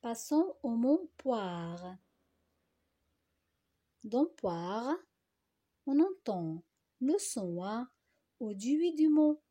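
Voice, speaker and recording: A woman teacher walks young children through a phonics exercise at a very slow, careful pace. She repeats each word and stretches it out syllable by syllable. Her voice is mellow, soft and a little high. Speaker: primary school teacher.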